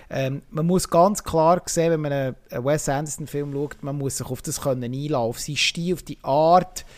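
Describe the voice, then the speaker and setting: A man's voice: fairly high pitch, a little mellow. A man, co-hosting a film podcast, speaking thoughtfully with frequent fillers. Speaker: podcast co-host. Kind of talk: casual film review chat.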